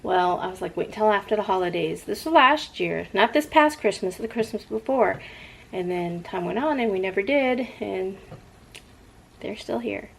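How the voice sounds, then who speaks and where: A woman's voice: medium pitch, expressive, unhurried, creaky, poor audio. A middle-aged woman vlogger chatting casually in a rambling way, drifting off and picking the thread back up.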